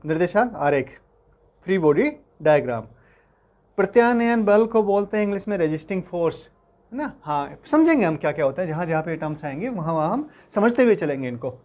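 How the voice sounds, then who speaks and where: A man with a fairly high, darkish-toned voice teaches physics in Hindi to exam students. He's friendly and reassuring, calls them "beta," and often asks for confirmation that they're following.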